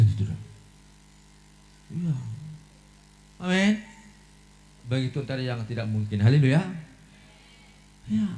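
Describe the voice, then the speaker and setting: Preacher acting out stories. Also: male voice, sits high, darkish tone. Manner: keeps calling out to the congregation, acts out scenes. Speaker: pastor. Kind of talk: sermon with storytelling.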